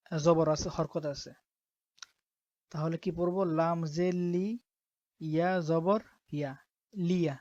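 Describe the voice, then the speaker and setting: A woman's voice: fairly low pitch, a little mellow, no echo. A woman teaching Quran reading, patiently spelling out each syllable and repeating it step by step. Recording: dull, dry close recording.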